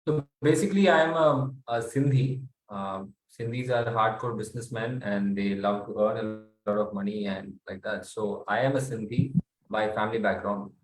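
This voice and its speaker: A man from South India with an Indian accent, answering interview questions earnestly with many fillers and pauses. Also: fairly low pitch. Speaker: guest author and researcher. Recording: roomy echo.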